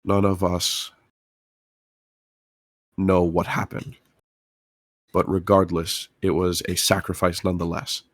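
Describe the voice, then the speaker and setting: A man playing an earnest, wistful character in a tabletop game, speaking gently and haltingly with solemn pauses. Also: low-pitched, flat delivery, no room sound, studio quality. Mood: wistful, hopeful. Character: earnest, wistful man sending a hopeful magical message. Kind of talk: tabletop role-play in character.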